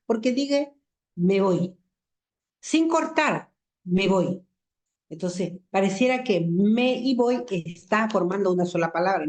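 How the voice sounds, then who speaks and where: A woman teaching a university language class online through a computer mic, patient and explanatory, repeating examples slowly and asking the class rhetorical questions. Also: mid-range voice, darkish tone. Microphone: computer mic in a video call.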